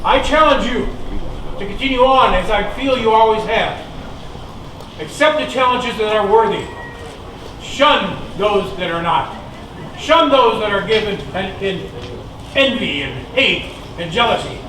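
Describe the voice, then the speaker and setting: A man's voice: sits high, expressive, a little slow, pauses often. A man delivering a formal ceremonial address as an officiating knight, exhorting in short declarative phrases. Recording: echoey, distant, noisy live recording.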